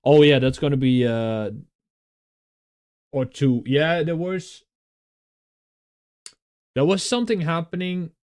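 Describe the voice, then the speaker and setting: A man's voice: a little high, slow, pauses often, a little mellow, smooth, no echo. A young Dutch man with a Dutch accent, chatting casually with viewers, often laughing and restarting his sentences. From Netherlands. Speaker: streamer.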